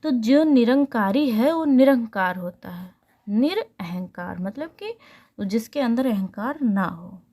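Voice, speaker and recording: A woman's voice: fairly high pitch, animated, slow pace, warm tone. Woman, exam-prep tutor, explains step by step, repeats key answers, poses rhetorical questions. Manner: repeats answers, asks and answers her own questions. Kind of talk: explanatory online lesson.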